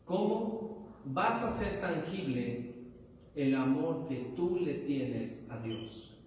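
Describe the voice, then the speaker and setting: Pastor preaching in an echoey hall. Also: male voice, on the high side, lively intonation, slow pace, a little mellow, distant mic, slight background noise. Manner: asks the congregation questions, rising to emphatic bursts. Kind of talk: sermon. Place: church hall.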